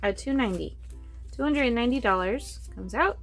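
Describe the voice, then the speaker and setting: A woman who runs a budgeting vlog, thinking aloud in a fairly monotone way as she counts bills under her breath. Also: on the high side, fairly quick, faint music behind. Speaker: budgeting vlogger. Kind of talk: casual talk while counting cash.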